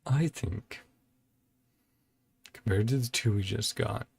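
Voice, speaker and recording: Slow-paced and lowish, his voice comes across gravelly and husky. As host of a reaction and ranking video, the man offers offhand commentary in short, tentative fragments, with game trailer music in the background.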